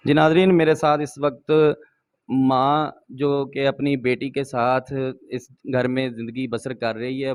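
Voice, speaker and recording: A male TV reporter speaks formally to viewers and puts short questions to interviewees. His voice is smooth and clear, recorded dry and close. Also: medium pitch, dry recording. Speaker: news reporter. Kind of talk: TV field report.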